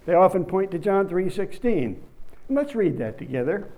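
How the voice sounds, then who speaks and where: A man preaching a sermon, reading scripture slowly and rising to emphatic bursts on key words. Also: sits high, big pitch swings, warm tone, low-quality recording.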